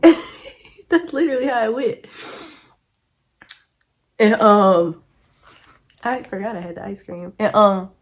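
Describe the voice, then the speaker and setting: A young woman vlogger tells a casual storytime. Her voice sits in a middle pitch, and she talks in a slangy, animated way, laughing often. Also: slow pace, pauses often.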